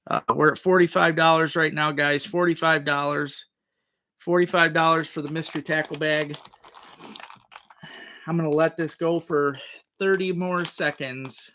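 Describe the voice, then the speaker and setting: A man's voice: a little high, fairly even intonation, moderate pace, bright, forceful tone. A man hosting a casual livestream auction, repeating the current bid in a folksy auctioneer's manner.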